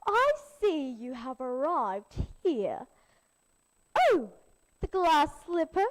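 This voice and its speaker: A woman's voice: high-pitched, sing-song, slow pace, exaggerated voice. A woman voicing a scheming stepmother with a sly, cackling manner.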